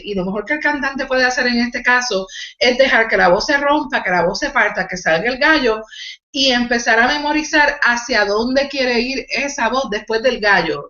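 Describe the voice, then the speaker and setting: A woman's voice: a little high, pushed and bright, echoey room, lo-fi sound. A woman vocal coach teaching a live online singing lesson, explaining technique and demonstrating nasal exercises. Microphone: video call.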